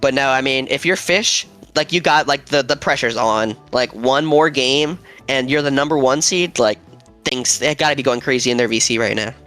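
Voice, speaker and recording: A young man casting a competitive video game match, excitable and jokey, shouting at players on screen. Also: mid-range voice, moderate pace, faint music behind. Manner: hype, shouts at players, laughs often. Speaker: esports caster. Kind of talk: excited play-by-play commentary.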